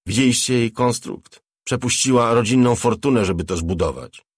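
A man voicing a brash, talkative young ex-hacker in an audiobook, a little louder and brighter than his narration. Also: medium pitch, normal speed, breathy edge, no room sound, clean studio sound, pitched above the performer's own voice, lightly acted. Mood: boastful chatter. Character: cocky young male ex-hacker, chatty and sly.

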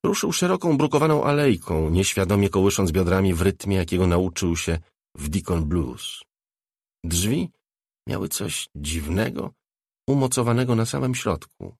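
A man narrating an audiobook in a calm, measured reading. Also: sits low, no echo, studio quality. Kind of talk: scripted narration.

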